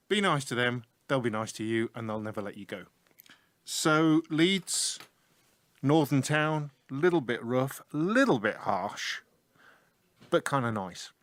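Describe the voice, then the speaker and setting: In a casual radio chat, a middle-aged IT teacher and show host from the north of England spins yarns in a broad Yorkshire accent, chatty and humorous. His pitch is everyday, and the recording from a small room is close, dry and free of echo.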